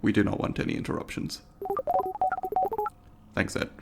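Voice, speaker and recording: A very noisy recording captures a man's natural voice at normal speed as he plays a polite, eager alien student in ASMR roleplay. Formal and precise, he questions the listener and apologizes, and the mood is friendly and brisk.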